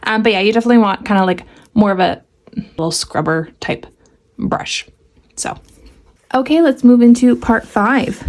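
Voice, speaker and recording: A woman's voice: fairly high pitch, moderate pace, long pauses. Sarcastic, playful woman teaching painting. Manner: sarcastic, playful asides between read-out steps. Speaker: art tutorial host. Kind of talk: casual painting tutorial. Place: home art studio.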